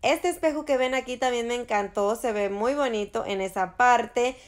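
A woman's voice: on the high side, normal speed. A woman giving a casual tour of a rented vacation house, gushing and repeating her praise as she walks through it on a handheld phone.

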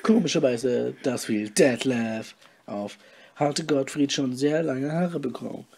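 A man reading a story aloud with deadpan, mocking asides. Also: mid-range voice, a little slow, gravelly, husky. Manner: deadpan, mocking, comments on his own reading. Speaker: podcast host reading his story aloud.

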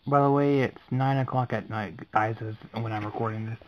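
A man's voice: medium pitch, fairly even intonation, fairly quick, lo-fi sound. A young man giving casual reaction commentary to a scare challenge, sounding like a nervous, easily startled horror streamer. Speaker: gaming YouTuber. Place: dark indoor room at night.

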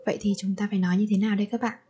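Husky-voiced woman teaching grammar. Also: medium pitch, flat delivery, warm tone, lo-fi sound. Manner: patient, repeats example sentences slowly, asks learners questions. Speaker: Korean language teacher. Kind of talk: grammar lesson for learners.

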